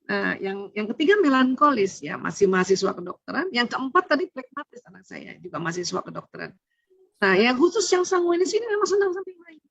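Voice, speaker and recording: Middle-aged woman, seminar speaker to parents; fairly high voice, dry, slightly muffled lo-fi sound. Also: a little fast, creaky, no room sound. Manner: animated, chatty, laughs often. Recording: dull lo-fi sound.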